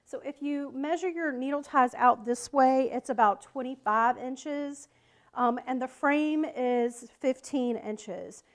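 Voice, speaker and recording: A high-pitched woman with a Southern American accent leads a live craft tutorial from her home workspace. She talks in a chatty, friendly way, greeting viewers by name between steps, and her voice is picked up by the camera mic. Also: slow. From South Carolina, United States. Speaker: wreath-making teacher and shop owner.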